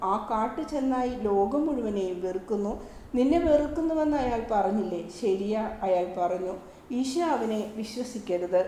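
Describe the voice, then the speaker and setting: A woman's voice: mid-range voice, mellow. A woman reading a devotional story aloud, speaking all the dialogue in her own voice. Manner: reads every character's lines in her own voice. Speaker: narrator reading a religious book. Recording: echoey room, faint ambient noise.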